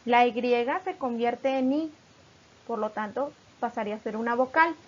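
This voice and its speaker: A woman from Mexico, a teacher narrating a recorded lesson, explaining patiently and reading examples slowly. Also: a little high, dull audio.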